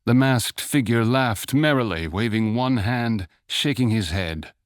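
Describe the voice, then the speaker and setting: A man narrating a fantasy short story in a measured, even storytelling manner. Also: mid-range voice, dry recording, clean studio sound, close to an everyday voice. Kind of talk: scripted audiobook narration.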